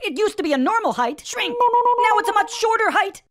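A gleeful sing-song shrinking prankster. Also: female voice, very high voice, big pitch swings, fairly quick, a little hiss or hum. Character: mischievous prankster who shrinks things. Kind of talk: children's TV comedy acting.

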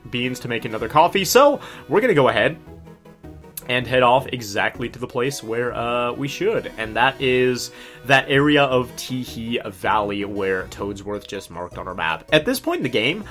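A man's voice: mid-range voice, pushed and bright. A young man giving casual, rambling game commentary in an informal manner. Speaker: gaming host.

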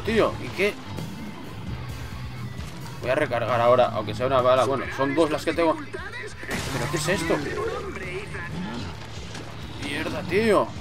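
A man with an accent from Spain giving casual, sweary gameplay commentary, muttering to himself as he plays. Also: on the high side. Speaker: gamer, let's player. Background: game music.

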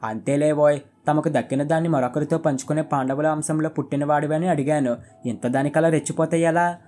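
A man's voice: on the high side, fairly even intonation, a little fast, a little mellow, soft background music, natural voice. A man voicing a lecherous, sarcastic middle-aged village landlord who talks in a mocking, sneering way.

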